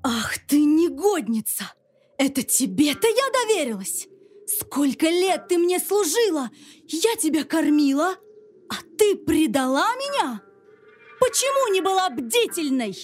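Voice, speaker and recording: Man doing a shrill furious queen. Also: big pitch swings, unhurried, faint music behind, full character voice. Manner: scolding, shrieking. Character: angry shrill female queen, imperious.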